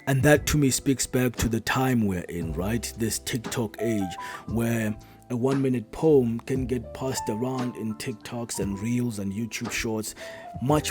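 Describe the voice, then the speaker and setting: A man reacting to a poem, giving thoughtful, analytical commentary that often trails off quietly at the end of a thought. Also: lowish voice.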